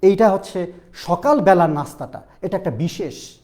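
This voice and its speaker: ভর্তি পরীক্ষার অনলাইন ক্লাসে এক পুরুষ শিক্ষক প্রশ্ন করে করে ব্যাকরণ বোঝাচ্ছেন, মূল শব্দগুলো ধীরে ধীরে বারবার বলছেন।. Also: male voice, sits high. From Bangladesh. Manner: animated, questioning students, repeating key phrases slowly. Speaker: teacher. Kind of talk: online admission-prep English lesson.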